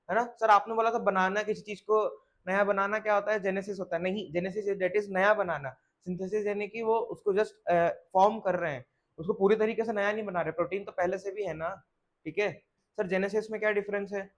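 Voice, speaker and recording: A man's voice: sits high, fairly even intonation, brisk, fairly bright tone. A young male biology teacher, giving a step-by-step lecture to students, asking questions and answering them himself. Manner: explains step by step, asks and answers questions aloud, frequent "theek hai". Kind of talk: classroom lecture.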